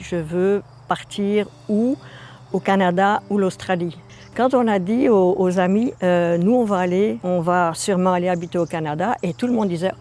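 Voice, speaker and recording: An older woman from Belgium, telling her immigration story in a documentary with lively, repetitive emphasis. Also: fairly low pitch. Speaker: interviewee. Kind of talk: documentary testimony.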